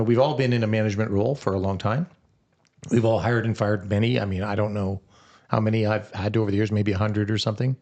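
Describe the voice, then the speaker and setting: Husky-voiced man in casual podcast banter. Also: fairly low pitch, darkish tone. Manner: joking, playful announcer bits. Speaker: podcast co-host. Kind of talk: casual chat.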